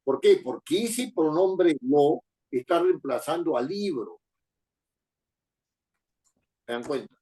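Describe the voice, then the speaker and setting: A man's voice: a little high, animated, slow pace, long pauses, dark tone, low-quality recording. An older man from Peru giving a classroom lecture, emphatic, repeating phrases and checking that students follow.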